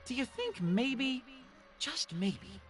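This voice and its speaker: A man's voice: extremely high pitch, takes it slowly, heavily acted. A man voicing a cheeky, easily exasperated teenage boy in an anime game, talking casually. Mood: coaxing, teasing. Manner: casual, animated. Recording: music behind the voice.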